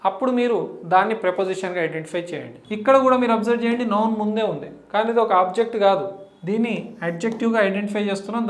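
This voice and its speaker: A man's voice: high voice, echoey room. A man teaching an exam-prep grammar lesson, who poses questions to the class, answers them himself and keeps checking that students follow. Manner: asks and answers his own questions, checks understanding often.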